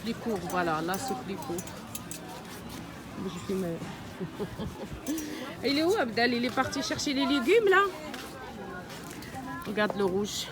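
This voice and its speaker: A woman's voice: on the high side, big pitch swings, a little slow, long pauses. A woman with a North African Arabic accent in French, chatting casually as she vlogs around an outdoor market. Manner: chatty, switching between French and Maghrebi Arabic. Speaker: vlogger showing market clothing stalls. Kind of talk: casual vlog chat. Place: outdoor seaside street market.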